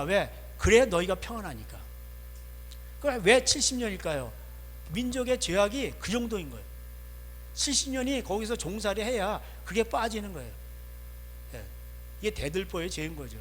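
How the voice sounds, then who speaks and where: Male pastor, sermon delivery with frequent asides and rhetorical questions, somewhat high pitch, reverberant hall with a light mains hum. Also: a bit bright. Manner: conversational preaching, frequent affirming "yes" asides and rhetorical questions. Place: church sanctuary.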